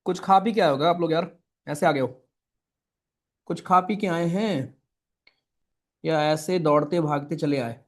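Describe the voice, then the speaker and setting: A man's voice: fairly high pitch, a little slow, pauses often. A young man with a Hindi accent teaching an online class, chatty and informal, repeating key points and checking in with students. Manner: chatty, addresses students as brothers and friends; repeats key points, asks "right?" often.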